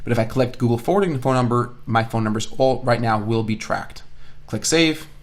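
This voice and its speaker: Speaking briskly at medium pitch, a man teaches an online course in a casual screencast software tutorial. He thinks aloud as he explains and repeats phrases to stress them.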